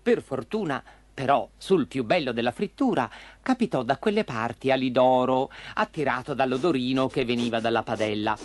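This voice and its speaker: A man narrating a children's story in an expressive, lively way. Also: medium pitch, normal speed, few pauses.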